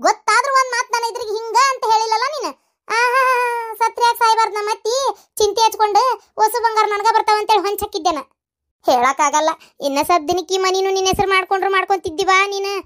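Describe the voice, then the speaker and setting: Cartoon: actor playing a scheming, boastful mother-in-law; very high, shrill, North Karnataka accent, scolding. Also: steady tone, fast talker. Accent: North Karnataka Kannada. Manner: scolding, sharp-tongued, boastful. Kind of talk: comic cartoon voice acting.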